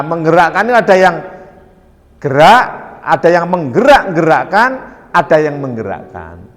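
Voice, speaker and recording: A man giving a classroom lecture, animated and often questioning his students. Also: a little high. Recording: long echo of a lecture hall.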